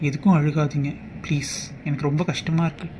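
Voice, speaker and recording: A dutiful young groom in a cartoon, earnest and sincere, voiced by a man. He talks fast in a fairly high, level voice. Faint ambient noise is behind him. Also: flat delivery, muffled recording, lightly acted. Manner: earnest, quick. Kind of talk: cartoon voice acting.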